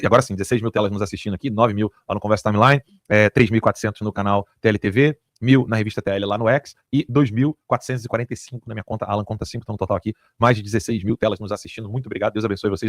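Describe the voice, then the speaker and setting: A man's voice: on the low side, no room sound. A man hosts a live studio show and talks at a racing clip. His delivery is heated and emphatic, driving his points home by repeating them. The sound is close and dry. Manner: rapid, emphatic, repetitive, crude jokes. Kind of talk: heated political commentary.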